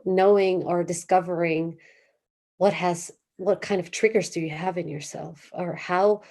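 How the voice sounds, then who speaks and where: Give me a woman therapist in an interview, casual and animated, often searching for words. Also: on the low side. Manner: searching for words, many fillers and restarts. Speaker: therapist guest.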